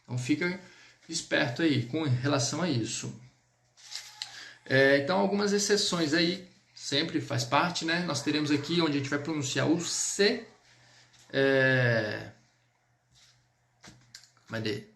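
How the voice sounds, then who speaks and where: A man's voice: fairly high pitch, a little slow, gravelly, long pauses, a bit bright, roomy sound. A man with a Brazilian Portuguese accent teaching a live online French lesson, patiently repeating words and checking in with his students.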